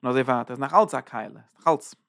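A man's voice: medium pitch, very fast, a bit bright, dry recording, clean studio sound. A man teaching a Torah lecture, thinking aloud and searching for words as he explains. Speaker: religious teacher.

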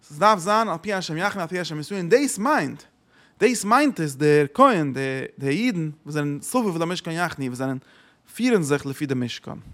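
A man's voice: on the high side, lively intonation, brisk, a bit bright. A man giving a religious lesson who asks rhetorical questions and repeats his phrases. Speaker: Torah teacher.

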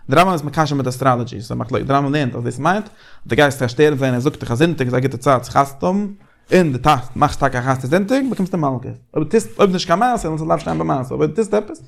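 Man debating sources, rapid-fire, gravelly edge, slightly high voice, casual study talk. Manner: rapid, animated, repeats phrases while thinking. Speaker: Torah study discussant. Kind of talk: casual Talmudic study discussion.

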